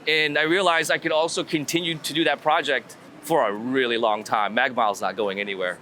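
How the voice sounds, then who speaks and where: Walking along a city street during a casual interview, a street photographer thinks aloud and repeats words as he talks. He speaks briskly at medium pitch with fairly even intonation and a bright, forceful tone. Captured outdoors, the recording includes city traffic noise, urban ambience, and passing vehicles.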